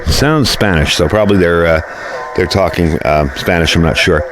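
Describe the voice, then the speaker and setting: A middle-aged American man hosts a casual, informal gear review, explaining things as he goes in a low voice at normal speed. He starts at an indoor workbench and later moves outdoors by the house. There's noise in the background.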